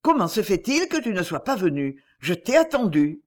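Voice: mid-range voice, very animated, moderate pace, lightly acted. A reader voicing an eager young inspector. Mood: urgent. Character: young male police inspector, quick and scheming.

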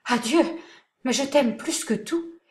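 A woman reading aloud voices a tender, pleading young woman in soft, trembling, half-whispered tones. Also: mid-range voice, normal speed, natural voice. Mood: passionate. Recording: roomy echoing room.

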